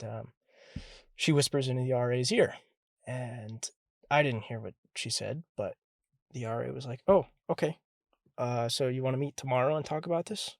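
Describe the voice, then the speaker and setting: A young man recounts his own story candidly, restarting and repeating words as he searches for them. His voice has a gravelly edge. The sound is close and dry. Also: medium pitch, dry recording. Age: young adult. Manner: halting, stumbles and repeats words; candid and earnest. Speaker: interviewee recounting his college years. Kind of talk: personal storytelling.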